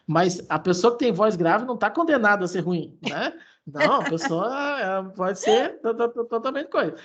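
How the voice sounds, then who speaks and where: Brief: woman, voice expert, breathy tone, stop-start explaining. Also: mid-range voice, expressive, highs cut off. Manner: halting, with many restarts and fillers. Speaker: voice expert guest. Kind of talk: explanatory conversation.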